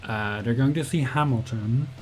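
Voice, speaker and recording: A young game developer gives a casual livestream tutorial in a low-quality recording, his mid-range voice husky and darkish at a moderate pace. He's chatty and giggly, thinking aloud with many fillers, laughing often and answering the chat.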